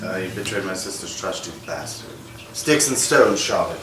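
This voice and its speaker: A man's voice: low-pitched, animated, moderate pace, noisy background. Man playing a defensive cheating husband, evasive, wry, acting class scene, roomy echo, distant mic. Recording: echoey room from a distance.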